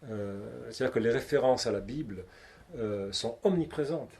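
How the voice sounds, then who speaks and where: A man's voice: mid-range voice, normal speed, mellow. Hesitant man in a bookshop talk. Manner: hesitant, many restarts and fillers. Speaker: translator. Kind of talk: bookshop conversation.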